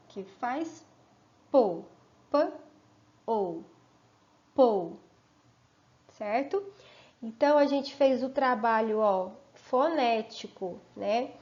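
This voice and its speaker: Woman, primary teacher, slightly high voice, slow and careful, drawing out each sound for children. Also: darkish tone, highs cut off. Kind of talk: slow remote lesson for children and families.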